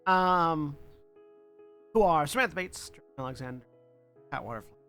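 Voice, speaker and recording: A man with a slightly raised pitch and a bright, forceful tone opens a live show in a casual way. His audio keeps cutting in and out, so his volume rises and falls unevenly. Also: lively intonation, moderate pace, clear, resonant tone, soft background music. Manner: casual, thanks supporters. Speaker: executive producer and player. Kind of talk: live-stream show intro.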